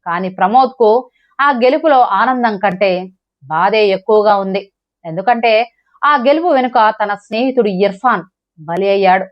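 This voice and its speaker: A woman narrating a dramatic moral story in a steady, scripted storytelling delivery. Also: fairly high pitch. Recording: dull lo-fi recording.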